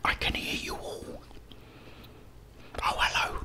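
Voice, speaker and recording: Speaking slowly, a middle-aged man whispers breathy ASMR commentary while playing a video game, chatting playfully to the characters.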